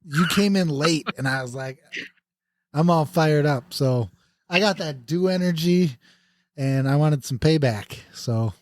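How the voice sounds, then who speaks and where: A man's voice: fairly high pitch, unhurried, dry recording, studio quality. A man hosting a casual podcast, opening the show in a playful, crude, teasing way. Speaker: podcast host.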